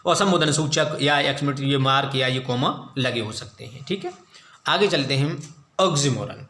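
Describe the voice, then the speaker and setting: A man's voice: medium pitch, bright, forceful tone. A man teaching an English class, explaining in Hindi, asking and answering his own questions and calling his students "beta". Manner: explains in Hindi, reads English definitions slowly. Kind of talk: classroom lecture. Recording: echoey room.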